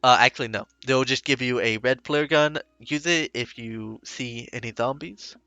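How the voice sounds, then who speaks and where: A man narrating as game master of a tabletop game, laid-back and halting. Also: mid-range voice, bright, forceful tone, no room sound, soft background music.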